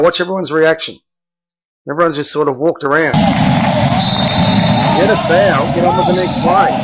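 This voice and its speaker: A man's voice: fairly high pitch, heavy background noise. A middle-aged man, a basketball coach reviewing game film and bluntly correcting his players by name.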